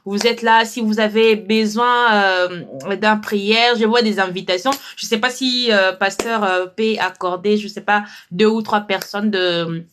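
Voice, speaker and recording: A woman's voice: medium pitch, steady tone, a little slow, hardly any pauses, fairly bright tone. Female live-show host with background noise. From lives in Belgium. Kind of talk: informal live hosting.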